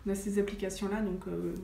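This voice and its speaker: A woman's voice: mid-range voice, level tone, normal speed, creaky, warm tone. A woman vlogging about wellness in a casual chat to the camera, chatty and full of hesitations. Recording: roomy sound with faint noise.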